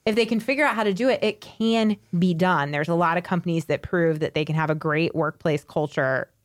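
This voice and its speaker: A woman's voice: fairly low pitch, brisk. A woman HR professional on a casual podcast, talking conversationally and qualifying her points as she goes.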